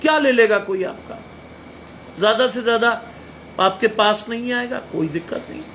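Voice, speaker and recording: A man's voice: very high-pitched, normal speed, a bit bright, slight background noise. A man preaching a sermon, blunt and emphatic, firing rhetorical questions at his listeners. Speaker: pastor.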